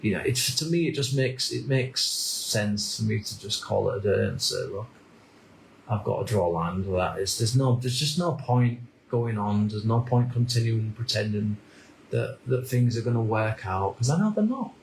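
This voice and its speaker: A man in his thirties from the United Kingdom, talking through a reflective personal monologue in a halting way, often repeating words and restarting sentences. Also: on the low side, gravelly, reverberant, a little hiss or hum, rough recording. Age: 30s. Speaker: vlogger.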